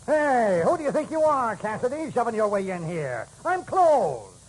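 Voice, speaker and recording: An actor playing an irritable, sneering town assayer in a western drama, blustering. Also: male voice, extremely high pitch, big pitch swings, moderate pace, heavily acted. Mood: outraged. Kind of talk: old western radio drama acting. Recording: noisy old radio recording.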